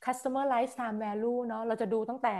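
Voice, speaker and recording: A woman consultant talking casually on a podcast, animated and quick to exclaim agreement. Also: fairly high pitch. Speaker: innovation consultant.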